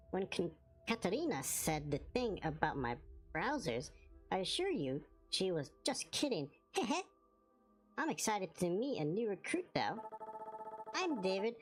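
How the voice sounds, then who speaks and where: A man's voice: sits high, pitched above the performer's own voice, heavily acted. A man voicing an eager, chummy male recruiter in a video game, chatty and enthusiastic.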